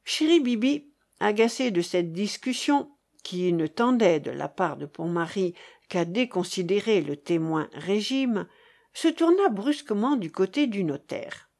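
A woman reading a novel aloud as narrator, with expressive storytelling. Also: medium pitch, measured pace, creaky.

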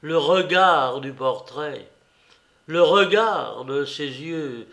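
A man voicing an agitated, obsessed asylum doctor whose voice trembles and who bursts out loudly in storybook narration. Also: fairly high pitch, a little slow. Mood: feverish.

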